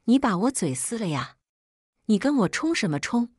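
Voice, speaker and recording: A woman voicing a spiteful, shrill middle-aged mother with a mocking way of talking. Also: big pitch swings, moderate pace, darkish tone, breathy edge, no room sound, clean studio sound. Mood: shrill fury.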